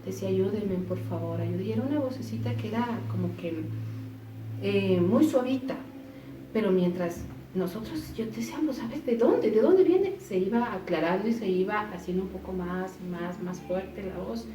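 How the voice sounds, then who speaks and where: A woman recounts a story in a relaxed, spoken way, throwing her voice up high whenever she quotes someone. Her voice sits at a middle pitch and comes from some distance off the mic. The room is echoey and a faint hiss runs underneath. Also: normal speed. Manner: animated, acts out quoted voices with pitch jumps. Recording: roomy echo, voice from a distance, faint noise.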